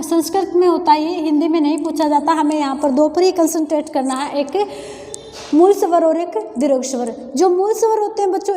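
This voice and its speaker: A woman with a Haryanvi Hindi accent leads an exam-prep grammar lesson, speaking high with a mellow tone. She drills each term by repeating it slowly for her students. The room rings with a long, echoey reverb. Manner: addresses students as children, repeats key terms slowly. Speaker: teacher.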